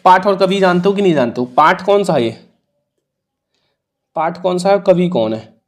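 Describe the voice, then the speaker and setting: A man's voice: high-pitched, lively intonation, normal speed. A man with a Hindi accent teaching an exam prep lesson in a casual, coaxing way, repeating the answers and the marks.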